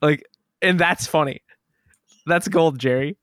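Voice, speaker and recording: A man co-hosting a podcast, trading wry deadpan jokes in relaxed casual chat and chuckling along. His voice is a touch high for a man, recorded dry and close. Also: measured pace, smooth, dry recording. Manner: wry, joking deadpan, laughs at own jokes. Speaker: podcast co-host.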